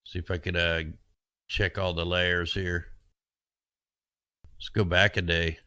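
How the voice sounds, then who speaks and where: Low and level, this man's voice is slow, smooth, and pushed bright, on a dry recording. He hosts an easygoing screen-share session, rambling in a conspiratorial way about weather maps while his voice tires and starts to give out.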